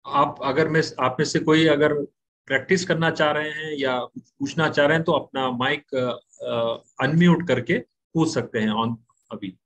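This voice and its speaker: A man teaching a tajweed class online, patiently slowing down to explain recitation rules, speaking into a computer mic on a video call. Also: a little high, fairly bright tone. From India.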